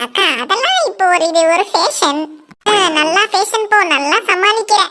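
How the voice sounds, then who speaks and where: Woman doing squeaky high cartoon village ladies, teasing each other, gossipy wedding chatter. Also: lively intonation, moderate pace, sharp tone, a little hiss or hum, heavily acted. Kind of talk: cartoon voice acting.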